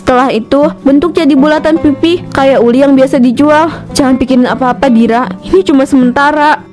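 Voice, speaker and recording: A woman's voice: high-pitched, a little fast, a little mellow, soft background music, natural voice. A woman voicing a struggling, anxious wife and mother in a cartoon, pleading and stammering at times. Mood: worried. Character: poor worried young wife and mother. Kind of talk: cartoon voice acting.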